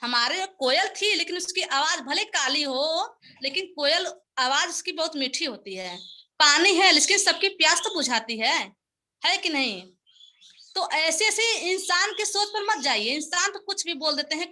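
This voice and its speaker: A woman addresses a meeting in a high, bright voice and builds her case through homely parables. She circles back over the same phrases to drive each lesson home, exhorting her listeners to keep going. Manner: folksy, repetitive, exhorting. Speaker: motivational speaker at a sales meeting. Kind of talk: motivational speech with parables.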